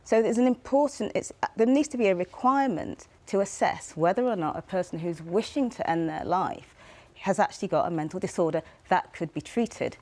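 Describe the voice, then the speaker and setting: A woman speaking for psychiatrists in a measured, explanatory interview. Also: medium pitch, darkish tone. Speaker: psychiatry spokesperson. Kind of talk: interview clip.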